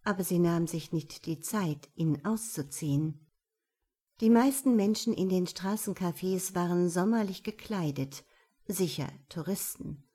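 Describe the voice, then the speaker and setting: A woman narrating a novel as an audiobook, in steady, measured storytelling. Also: on the low side, husky. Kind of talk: scripted narration.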